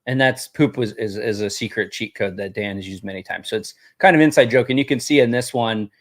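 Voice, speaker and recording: A man's voice: on the low side, fairly quick. A man hosting a casual live demo, rambling, repeating words and laughing easily. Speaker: host demoing a game tool.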